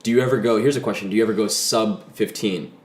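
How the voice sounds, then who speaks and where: A man co-hosting a casual podcast chat, teasing the others and joking. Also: on the low side. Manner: teasing, quick to needle and joke. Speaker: podcast co-host. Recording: echoey room sound.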